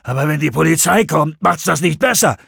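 A man's voice: fairly high pitch, lively intonation, brisk, gravelly, fairly bright tone, breathy edge, no echo, studio quality, voice pushed up, exaggerated voice. A man reading an audiobook, voicing a nervous, out-of-breath man. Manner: nervous, panting.

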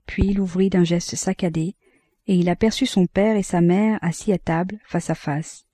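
A woman narrating an audiobook of a classic novel in a calm, measured way, close to the mic. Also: fairly low pitch, no echo. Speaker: audiobook reader.

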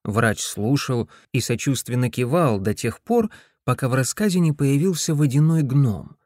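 A man's voice: medium pitch, expressive, moderate pace, a little mellow, no echo. Man narrating a storybook in a dry voice. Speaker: audiobook narrator. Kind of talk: scripted narration.

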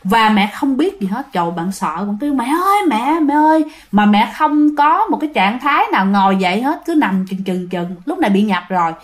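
A woman's voice: medium pitch, lively intonation, fairly quick, hardly any pauses. A woman with a Southern Vietnamese accent casually telling a ghost story, chatting straight to her listeners with lots of fillers. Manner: chatty, addresses listeners directly, many fillers.

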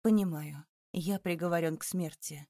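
A woman's voice: on the low side, normal speed, dark tone, dry recording, studio quality. A woman voicing a terrified older male banker who pleads and exclaims in rising panic. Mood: panicked.

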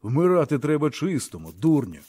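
A man voicing a calm, sardonic soldier. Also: fairly high pitch, moderate pace, husky. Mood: calm ironic. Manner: calm, drily ironic. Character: weary young male soldier, calm and sardonic.

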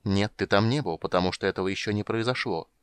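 A man voicing a cold, commanding dark goddess. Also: fairly low pitch, quick pace, smooth, no room sound, lightly acted. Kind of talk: audiobook character voice.

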